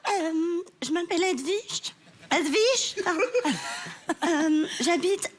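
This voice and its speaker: A woman's voice: very high voice, animated, slow pace, exaggerated voice. A woman playing a hesitant little schoolgirl. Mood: childish. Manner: hesitant, childish.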